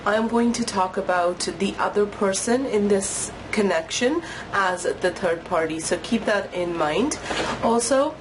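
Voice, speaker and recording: A woman's voice: mid-range voice, measured pace, background noise. A woman with a cold and a nasal voice, chatting casually through a tarot reading with many fillers. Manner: chatty, filler-heavy, apologetic. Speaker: tarot reader. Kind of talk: casual pick-a-pile tarot talk.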